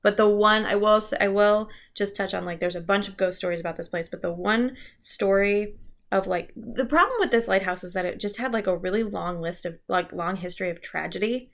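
A young woman co-hosting a podcast chats her way through ghost stories at a fairly quick pace, in a medium-pitched voice. She uses lots of fillers, restarts and self-corrections, and laughs at herself along the way.

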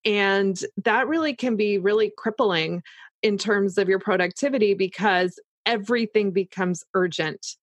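A woman's voice: medium pitch, moderate pace, no echo. A woman in casual, explanatory conversation, talking through examples as if voicing her own thoughts.

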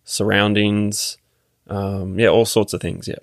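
A man's voice: on the low side, flat delivery, a little slow, no room sound, studio quality. A man with an Australian accent, a podcast guest chatting casually and hesitantly, with many ums and restarts. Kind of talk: casual interview chat.

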